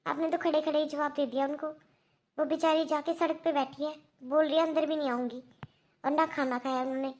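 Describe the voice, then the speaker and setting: A woman's voice: high voice, lightly acted. A woman voicing a young daughter-in-law who firmly and earnestly lectures her mother-in-law in a cartoon.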